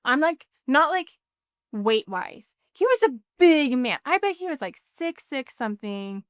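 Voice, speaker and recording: Woman, 30s, guest, chatty and heartfelt, smooth higher voice, dry sound. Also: big pitch swings, a little slow, dry recording. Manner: chatty, emotional, fills talk with "like". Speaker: podcast guest. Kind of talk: casual interview chat.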